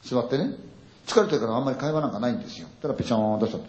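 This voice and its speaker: Older male storyteller, rapid-fire, animated, acts out the voices of scared friends; roomy, muffled recording. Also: mid-range voice. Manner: acts out friends' panicked dialogue, sound words. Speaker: ghost story teller. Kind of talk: spoken ghost story performance. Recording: echoey dull audio.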